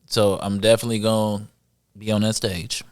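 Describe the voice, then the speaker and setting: A man, a guest musician, chatting casually on a podcast, animated, repeating himself and laughing often. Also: fairly low pitch, brisk, clear, resonant tone.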